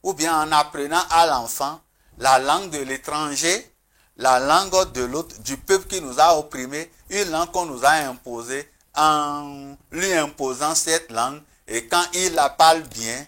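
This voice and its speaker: This traditional spiritual guest on a TV talk show has a slightly high, somewhat bright voice. His delivery is earnest and forceful, broken up by pauses and fresh starts.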